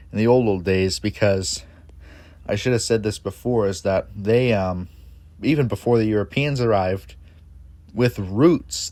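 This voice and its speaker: A man's voice: lowish voice, darkish tone, dry recording. A man vlogging outdoors while he cooks and tastes his food, chatting in an upbeat, rambling way. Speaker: cooking vlogger. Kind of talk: casual chat while tasting food.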